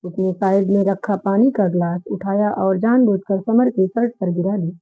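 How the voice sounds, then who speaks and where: A woman storyteller reading a romance story aloud in a steady, even narration. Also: medium pitch, moderate pace. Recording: phone-like narrow band audio.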